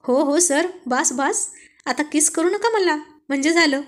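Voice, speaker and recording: A woman's voice: high-pitched, moderate pace, natural voice. A woman reading a story aloud and voicing a cheeky, loyal young male assistant who teases his boss in a playful way. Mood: amused. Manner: playful, teasing.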